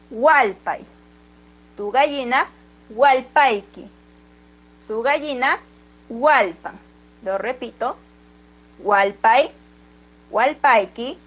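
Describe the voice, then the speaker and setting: A woman teaching an online language lesson, slowly repeating words for her students to say after her. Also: on the high side, muffled recording. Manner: slow, patient, drawn-out repetition of words for students.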